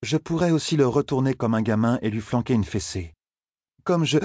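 A man's voice: medium pitch, expressive, brisk, darkish tone, no room sound, lightly acted. A powerful older sorceress ruler speaks with cool, mocking condescension, as a man voices her. The sound is close and dry, in the style of a dramatized audiobook. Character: stern, powerful older woman leader of a sorcerous order.

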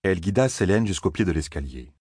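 A man reading a fantasy novel aloud in a measured storytelling manner. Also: low voice, big pitch swings, darkish tone, husky, dry recording, studio quality. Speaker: audiobook narrator. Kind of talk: scripted fantasy narration.

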